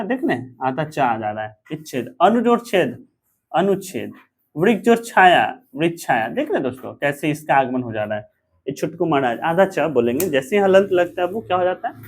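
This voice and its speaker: A male teacher giving an online grammar lesson, who repeats each point, draws out the examples slowly and keeps quizzing his viewers as friends. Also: sits high.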